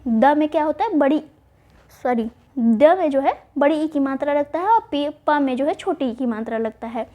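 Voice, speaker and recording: High-voiced woman tutoring Hindi spelling. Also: lively intonation, warm tone. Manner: explains spelling, spells words out slowly, asks and answers her own questions. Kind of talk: online exam-prep lesson.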